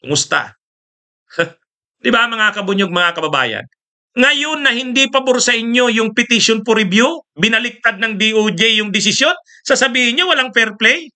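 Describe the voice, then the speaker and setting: Bright mocking male commentator. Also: extremely high pitch, lively intonation, moderate pace. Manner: mocking, rhetorical, laughs often, sips coffee. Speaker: political commentary host. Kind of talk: casual political commentary.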